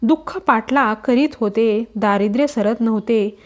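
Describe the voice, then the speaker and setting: A woman slowly reading aloud a devotional story in a measured, solemn manner. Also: fairly high pitch, darkish tone.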